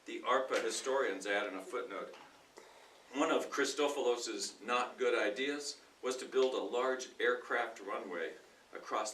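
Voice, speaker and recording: A man giving a deliberate, emphatic reading of nonfiction to a live audience, pausing between short phrases. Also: medium pitch, sharp tone. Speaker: speaker in a dramatic reading contest. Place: indoor room at a speaking club meeting. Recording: roomy, distant mic with faint noise.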